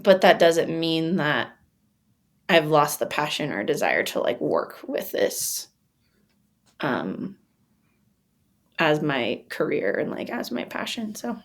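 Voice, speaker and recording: A woman with a somewhat low voice talks in a relaxed podcast conversation. She reflects out loud, pausing and reaching for her words with plenty of fillers, and her feeling shows close to the surface. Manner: gets emotional while talking. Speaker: podcast guest.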